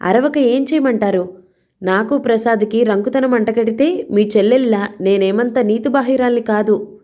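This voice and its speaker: A frightened young wife pleads and protests in a high, tearful voice, as a woman reading the story acts her out. The tone stays mellow and soft-edged in this storybook reading. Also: fairly even intonation, moderate pace, natural voice. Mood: indignant.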